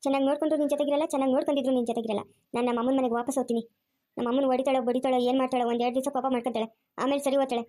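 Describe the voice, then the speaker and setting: A woman's voice: high-pitched, fairly even intonation, rapid-fire, dark tone, natural voice. A woman playing a grieving, regretful young wife. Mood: bitter. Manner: wailing, self-reproaching. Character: young woman who ran off, full of regret. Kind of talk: amateur family drama.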